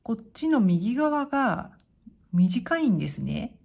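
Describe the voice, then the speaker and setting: A woman teaching hiragana, calmly reading the kana one by one and explaining how to write them. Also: on the high side, slow pace, gravelly. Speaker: Japanese teacher.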